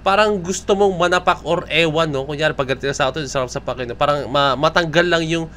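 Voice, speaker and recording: A man's voice: on the high side, fast, pushed and bright, slight background noise. A young man with a Filipino accent giving chatty reaction commentary on a music video, often tagging his lines with a question. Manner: chatty, mixes Tagalog and English, keeps asking "no?". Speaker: reaction vlogger.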